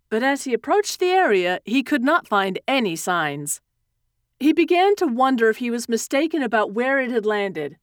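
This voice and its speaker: A woman narrating a story in a steady, expressive reading that slows at tense moments. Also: fairly high pitch, no echo, clean studio sound.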